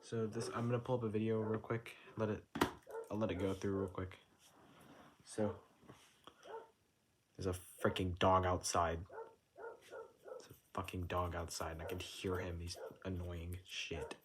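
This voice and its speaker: Speaking in a low, flat voice at a measured pace with long pauses, a young man explains a rhythm game chart casually, tutorial-style. He counts the timings of the notes aloud and swears in passing when he restarts sentences. The background is noisy, with rhythm game music playing.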